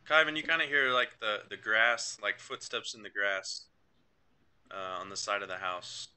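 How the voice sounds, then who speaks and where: A man's voice: on the low side, lively intonation, moderate pace, pushed and bright, clear, resonant tone. A man narrating as game master in a casual tabletop session, hesitant and full of fillers.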